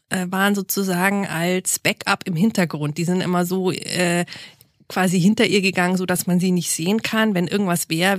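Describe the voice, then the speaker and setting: A lively woman tells a family story, slipping into playful voices for each person. Her pitch sits mid-range, and the sound is dry and close, with no room echo. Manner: lively, acts out dialogue with funny voices. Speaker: podcast guest, family therapist. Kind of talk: casual storytelling chat.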